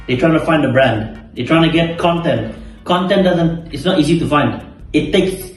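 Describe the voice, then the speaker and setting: A young man, a content creator, chatting casually and emphatically, repeating his words and swearing freely. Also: a little high. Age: young adult. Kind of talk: casual chat during a mukbang. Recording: echoey room, distant mic, background music.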